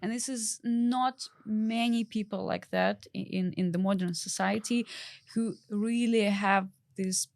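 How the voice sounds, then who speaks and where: A woman who is a design partner and guest, speaking earnestly in a casual conversation and often pausing to search for words. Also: medium pitch, steady tone, gravelly, dry recording.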